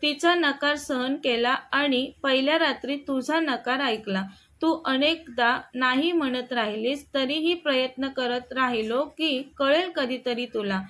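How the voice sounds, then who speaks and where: A woman voicing a stubborn young husband who feels hurt by his wife, speaking slowly in a high voice. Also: fairly bright tone.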